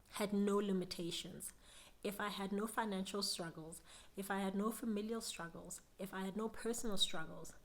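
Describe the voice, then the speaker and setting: A young South African woman with a South African accent, giving an earnest, reflective motivational talk to camera about business. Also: mid-range voice. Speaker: business vlogger.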